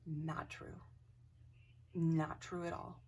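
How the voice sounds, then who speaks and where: A woman telling a personal ghost story to camera in a casual, animated way, acting out the dialogue and sometimes dropping to a whisper. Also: low-pitched, very slow, slightly rough. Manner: animated, acts out quoted dialogue, drops into whispers. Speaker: craft channel host. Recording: voice a bit distant from the mic.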